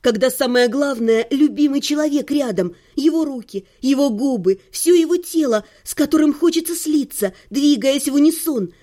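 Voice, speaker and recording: High, mellow-voiced woman narrating with ironic humor. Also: normal speed, few pauses. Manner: playful, ironic, theatrical exclamations. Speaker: audiobook reader. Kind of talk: first-person humorous audiobook narration. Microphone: home recording.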